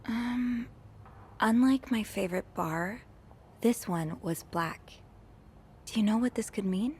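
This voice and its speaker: An actress voices an earnest, curious young hotel maid in a mystery video game, talking thoughtfully and politely in casual conversation. Her female voice is on the high side, a little mellow and husky, delivered slowly and heavily acted.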